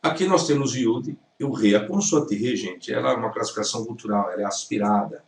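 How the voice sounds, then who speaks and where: A man's voice: medium pitch, fast talker. A Brazilian man teaching Hebrew, correcting a video point by point and repeating the right pronunciations. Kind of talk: critical lecture commentary. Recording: roomy sound from a distance.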